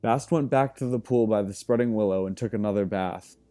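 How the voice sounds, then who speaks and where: A man reading a fantasy novel aloud in calm, even narration. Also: fairly low pitch, a little fast. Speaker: audiobook reader. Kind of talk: scripted narration.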